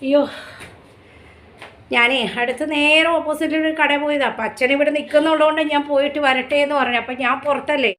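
A woman's voice: high-pitched, steady tone, fairly quick, a bit bright, poor audio. A woman vlogger chatting casually with viewers, repeating herself and coaxing her dog in baby talk, recorded on a phone outdoors. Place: outdoors at home near a gate.

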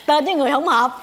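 A flustered, flirtatious visitor in a stage comedy sketch. Her voice is high and bright, and she gushes along at a rapid clip. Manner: gushing, polite, scatterbrained.

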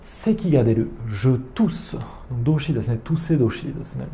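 A man teaching French phrases in an online lesson, speaking slowly and repeating each word carefully for his learners. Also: medium pitch, expressive, mellow.

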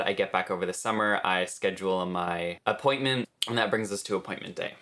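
A man's voice: lowish voice, sharp tone. A young adult man chatting casually through a personal storytime vlog, quoting what others said as he goes. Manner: chatty, recounts others' words in quotes. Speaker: vlogger. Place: small bedroom, indoors.

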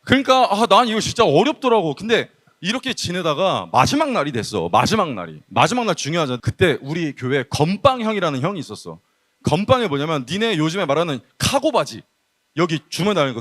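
A man preaching a youth sermon in a casual, lively storytelling way, acting out the people in his story. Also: high voice, quick pace. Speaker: pastor.

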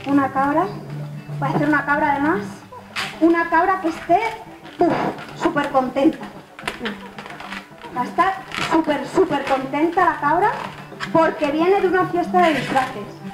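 Very high, playful, coaxing young woman magician, echoey room, music behind. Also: moderate pace, pauses often. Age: young adult. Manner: playful, repeats words, coaxes the crowd. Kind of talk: lively stage patter with an audience. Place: care home common room, indoors.

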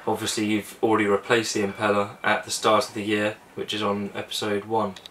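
This young man has a low, flat voice and talks fairly quickly, giving a casual how-to as a sailing vlogger indoors in a small boat cabin and engine bay. His manner is relaxed and practical, talking through steps with fillers, picked up from a distance with slight hiss or hum.

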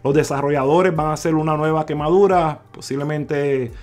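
A man hosting a crypto video, talking viewers through numbers on screen, calling them "mi gente" and repeating figures slowly. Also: fairly high pitch, steady tone, darkish tone. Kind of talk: screen-share explainer talk. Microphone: voice-over on screen recording.

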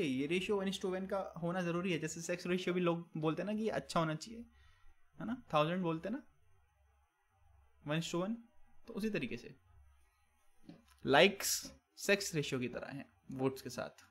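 A young male game streamer with a slightly high-pitched voice, reading the chat out loud. He ribs viewers with casual, joking banter and drops English catchphrases between his sentences. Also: moderate pace. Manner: teasing banter while reading chat aloud; mixes English catchphrases into Hindi.

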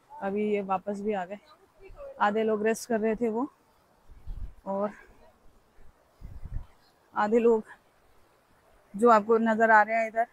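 A young woman hiking a forest trail records a casual, chatty vlog on a handheld phone, playful and full of exclamations as she walks. The travel vlogger's voice sits at medium pitch, and the dry recording has poor audio.

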